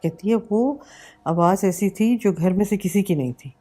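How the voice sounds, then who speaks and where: A woman vlogger with a medium-pitched voice tells a personal horror story casually, mixing English words into her speech. At the tense moments she slows down and lowers her voice to a hush.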